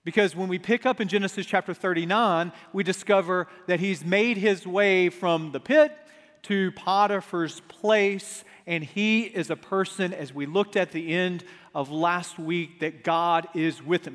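Male pastor for a sermon: high-pitched voice, pulpit microphone in a big echoing church, emphatic phrasing with pointed pauses. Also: fairly bright tone. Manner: emphatic, with dramatic pauses, repeated phrases and rhetorical questions. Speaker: pastor preaching to a congregation. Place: large, reverberant church hall. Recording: echoey large hall through pulpit microphone.

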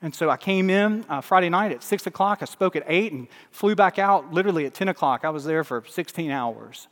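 A man's voice: a little high, expressive, fairly quick, fairly bright tone, big-room sound. A man from Alabama, a pastor, preaching a sermon with emphatic swells and drops in volume.

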